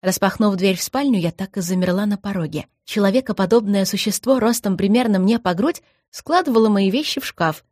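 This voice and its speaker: A woman narrating a fantasy story in the first person as an audiobook reader, in a lively, expressive way. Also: medium pitch, a little fast, few pauses, dry recording, clean studio sound.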